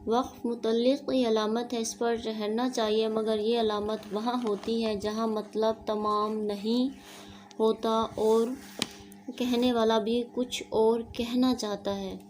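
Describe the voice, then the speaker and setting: A woman teaching an online Quran lesson, explaining step by step in a steady teaching manner and slipping in English words. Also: a little high, faint music behind.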